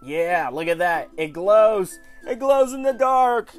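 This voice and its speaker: In a small room at home, a high-voiced man in his twenties walks viewers through a toy review, chatty and enthusiastic in the style of an online show host. Soft music sits under his voice, and he speaks in an animated, smooth, unhurried way.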